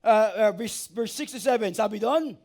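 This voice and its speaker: A man, a pastor preaching an animated sermon, asking the congregation for amens and joking with them. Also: high voice, moderate pace. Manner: animated preaching, asks the church for amens and jokes with it.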